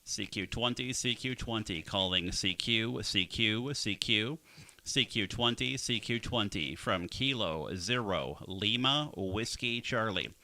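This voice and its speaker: A man from Minnesota making a ham radio CQ call, slowly repeating a call sign in the phonetic alphabet. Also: lowish voice, lively intonation, bright, forceful tone, a little hiss or hum. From Minnesota, USA. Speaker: ham radio operator hosting the stream. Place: home radio shack.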